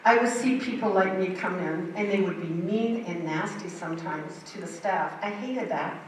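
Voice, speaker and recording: A woman's voice: lowish voice, moderate pace, distant mic, a little hiss or hum. An older woman giving a personal testimony in a church, telling her story in a vivid, emphatic way. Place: church sanctuary. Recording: very echoey hall, heard from afar.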